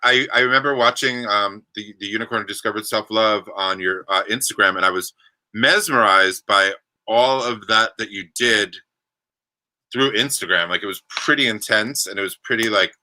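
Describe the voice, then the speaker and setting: A man hosting a show with casual, unscripted interview chat, halting and repeating words as he gathers his thoughts. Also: lowish voice, pushed and bright, poor audio. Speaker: show host.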